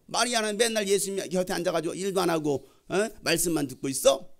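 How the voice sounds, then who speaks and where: A man's voice: high-pitched, fast talker, creaky. A male preacher voicing an exasperated grown woman who complains in a whiny, indignant way. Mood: resentful.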